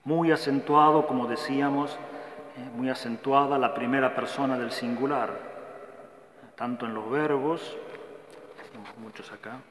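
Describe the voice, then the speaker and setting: A man's voice: mid-range voice, fairly even intonation, moderate pace, pauses often, fairly bright tone. Male friar teaching on a psalm, emphatic in his recitations, recorded in a roomy hall. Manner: frequent checking "eh?" tags; emphatic recitation of verb lists. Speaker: Dominican friar lecturing on a psalm. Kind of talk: scripture lecture. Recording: echoey hall with faint background noise.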